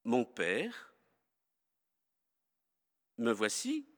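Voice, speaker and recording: A man's voice: mid-range voice, huge pitch swings, drawn-out words, exaggerated voice. A man reading as an anxious young Jacob. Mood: pleading. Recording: long hall reverb.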